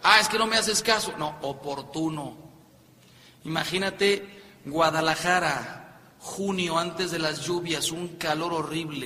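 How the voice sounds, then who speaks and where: A Mexican man with a high, bright voice gives a joking talk to couples, slipping into the voices of husbands and wives. His words ring with a long hall reverb over a faint background hiss. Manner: joking, acts out spouses' lines. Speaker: speaker on marriage. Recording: echoey hall with faint noise.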